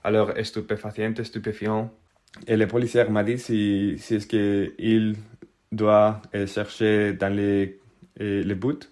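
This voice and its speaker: A man's voice: fairly low pitch, flat delivery, measured pace, darkish tone. Hesitant Spanish-accented man. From Spain. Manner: hesitant, searching for French words with frequent fillers. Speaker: guest telling a personal story. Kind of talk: casual spoken anecdote.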